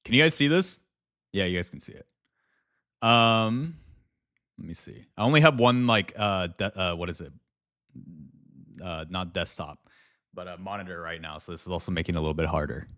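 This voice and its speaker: Low-voiced man casually chatting on livestream. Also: moderate pace, pauses often, a bit bright. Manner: informal slang, swearing. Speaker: live streamer and video creator. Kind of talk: casual livestream chat, reading viewer messages aloud.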